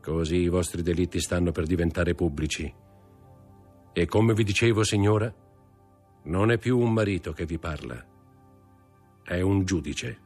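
A man's voice: low-pitched, normal speed, pauses often, darkish tone, soft background music. A man reading an audiobook, voicing a stern magistrate who coldly accuses his wife. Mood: cold accusing. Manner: cold, accusing, contemptuous.

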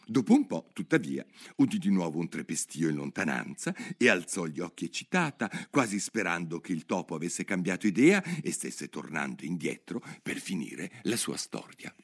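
A man narrating a storybook in an expressive, measured way. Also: sits low. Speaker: audiobook narrator.

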